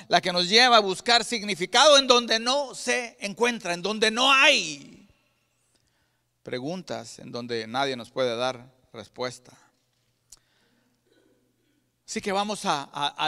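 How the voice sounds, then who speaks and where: A pastor from Guatemala delivers a sermon with a Guatemalan Spanish accent, his voice strikingly bright and a touch high. He jumps between forceful, loud emphasis and hushed, low asides. The sound carries the long echo of a church sanctuary. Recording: long reverb of a church hall.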